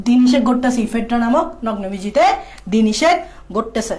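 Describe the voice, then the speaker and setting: A woman's voice: on the high side, animated, a little fast, darkish tone. A woman tutoring biology for exams in a casual lecture, repeating key points and checking that students follow. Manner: repetitive, drilling key points. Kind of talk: exam-prep lecture.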